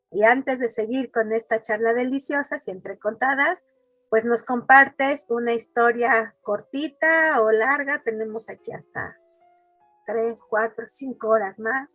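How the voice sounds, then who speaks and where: A woman host speaks slowly and invitingly, her voice a little high, as she asks her guest for a story. The sound is close and dry, with faint music behind. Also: fairly bright tone, no echo, poor audio. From Mexico. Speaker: interviewer, host. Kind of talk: friendly interview chat.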